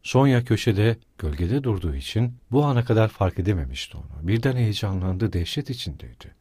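Husky low-voiced male narrator. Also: big pitch swings, brisk, warm tone, no room sound, studio quality. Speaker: audiobook narrator. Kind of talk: scripted narration.

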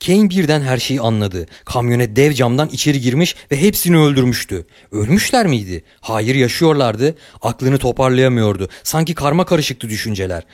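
A man narrating a story in a steady, measured storytelling voice. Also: medium pitch, no room sound, studio quality.

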